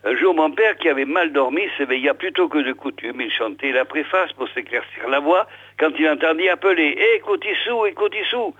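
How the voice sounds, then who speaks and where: A man's voice: on the high side, fairly quick. Man telling a folksy tale over a phone-like line. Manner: chatty, addresses listeners directly. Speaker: storyteller. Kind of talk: folksy oral storytelling. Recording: tinny phone-like old recording.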